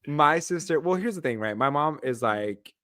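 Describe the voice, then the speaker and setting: A man's voice: fairly high pitch, lively intonation, moderate pace, sharp tone, no echo, clean studio sound. A man from Los Angeles co-hosting a podcast, telling a personal story in a rambling way with lots of fillers and self-corrections. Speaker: podcast co-host. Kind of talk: casual chat, personal storytelling.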